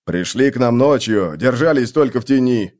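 A man's voice: mid-range voice, lively intonation, moderate pace, a little mellow, lightly acted. A man voicing a frightened bearded workman. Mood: nervous. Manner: nervous, pleading.

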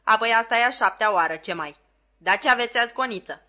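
A woman reading an audiobook aloud and voicing a bustling, scolding young nursemaid who exclaims loudly. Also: a little high, animated. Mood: exclaiming.

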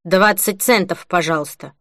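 A woman's voice: lowish voice, normal speed, no room sound, clean studio sound, natural voice. A woman reading the part of an irritated male shop cashier who speaks curtly and sarcastically.

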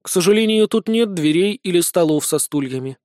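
A man's voice: high voice, lively intonation, moderate pace, darkish tone, no room sound, studio quality. A man voicing a naive young man who speaks in a plain, matter-of-fact, innocent way in an audiobook. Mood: earnest. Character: naive young man, earnest and literal-minded.

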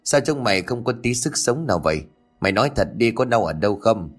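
A man's voice: on the low side, animated, fast, slightly rough, faint music behind. A man voicing a worried, scolding middle-aged mother in an audio story. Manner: scolding, fretful.

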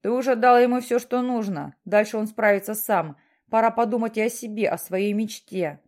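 A woman's voice: fairly high pitch, normal speed, darkish tone, natural voice. A woman voicing a stern, mysterious voice from the sky that questions and lectures insistently.

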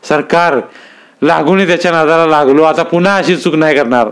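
A man's voice: fairly high pitch, a little fast, clear, resonant tone, lightly acted. A man doing a terrified, pleading village servant. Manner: pleading, panicky whine.

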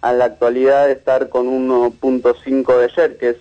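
A man, a media researcher giving a measured, analytical interview with frequent restarts. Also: medium pitch, monotone, clear, resonant tone, muffled recording.

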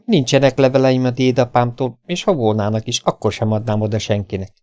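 A man's voice: mid-range voice, steady tone, darkish tone, no room sound, clean studio sound, pitched above the performer's own voice, close to an everyday voice. A man voicing a playful, mocking seventeen-year-old girl in an audiobook. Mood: defiant. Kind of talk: audiobook character voice.

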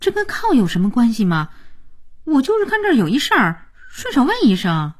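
A woman's voice: mid-range voice, wildly swooping pitch, a little slow, slightly rough, heavily acted. A woman voicing an earnest young woman estate agent who sounds defensive and pleading.

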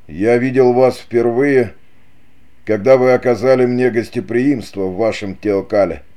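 A man's voice: medium pitch, measured pace, dark tone, natural voice. A man voicing an older, grief-stricken nobleman father in an audiobook, outraged and pleading. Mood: guarded. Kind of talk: audiobook character reading.

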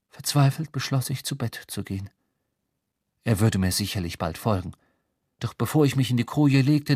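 An actor playing a young sailor who narrates his own story in measured, scripted radio drama narration. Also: mid-range voice, a little mellow, dry recording, studio quality.

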